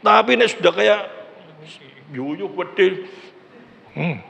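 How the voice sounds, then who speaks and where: Lively, gravelly-voiced East Javanese pastor preaching. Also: male voice, sits high, extremely slow. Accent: East Javanese Indonesian. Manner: conversational preaching, acts out quoted voices, asks the congregation questions. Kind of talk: sermon. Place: large church hall. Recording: long church hall reverb.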